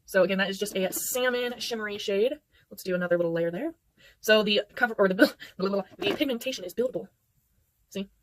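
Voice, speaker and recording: A young woman, a beauty vlogger, chats casually through a makeup tutorial, rambling and poking fun at herself. Her mid-range voice moves fairly quickly, and the poor audio carries slight background noise. She's recorded indoors under artificial light at night.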